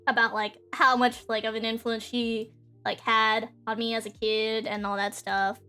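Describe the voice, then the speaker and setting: A woman's voice: a little high, level tone, moderate pace, bright, forceful tone, smooth. A young woman streamer chatting casually and rambling with lots of fillers. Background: faint background music.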